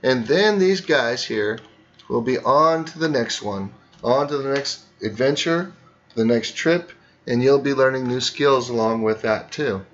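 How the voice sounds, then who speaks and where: A man's voice: mid-range voice, unhurried, muffled recording. A man teaching students, narrating a screen tutorial and talking through each click step by step.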